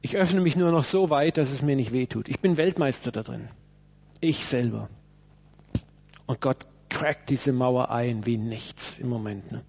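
In a dull, lo-fi church recording, a preacher gives an emphatic sermon, voicing quotes dramatically and addressing people around him directly. His voice is medium-pitched, gravelly, a little mellow and breathy, at a measured pace.

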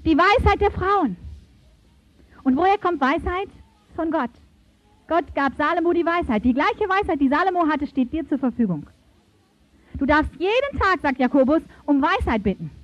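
A woman preaching a sermon in an animated, emphatic way, swinging her pitch dramatically as she tells stories and reads verses. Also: moderate pace, no echo. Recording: dull, lo-fi recording.

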